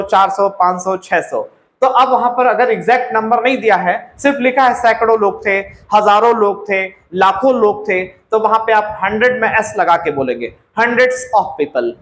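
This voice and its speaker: A man's voice: sits high, moderate pace, fairly bright tone, roomy sound, low-quality recording. A man with an Indian accent teaching English grammar, explaining step by step and repeating words and phrases. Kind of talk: classroom-style grammar lesson.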